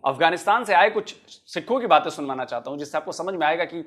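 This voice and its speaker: Male reaction host, slightly high voice, emphatic and argumentative. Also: animated, fast, a bit bright. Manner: emphatic, argumentative, addresses viewers. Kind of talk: reaction commentary.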